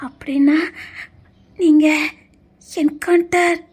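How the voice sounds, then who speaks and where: A woman's voice: high-pitched, fairly even intonation, slow pace, darkish tone. Woman doing anxious loving village wife. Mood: tearful joy. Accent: Tirunelveli Tamil. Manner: pleading questions, tearful.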